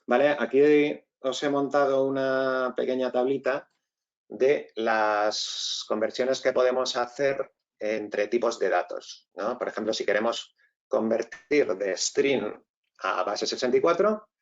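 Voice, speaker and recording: A webinar presenter with a Spain Spanish accent walks through an online tech tutorial step by step, frequently checking in with his audience. His voice is medium-pitched and measured, and the sound is lo-fi.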